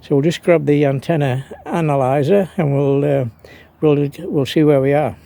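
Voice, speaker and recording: This man has a fairly high, creaky voice with a dark tone and talks at a moderate pace. He's an amateur radio hobbyist narrating an unscripted how-to vlog, thinking aloud hesitantly while he works through a hands-on demonstration.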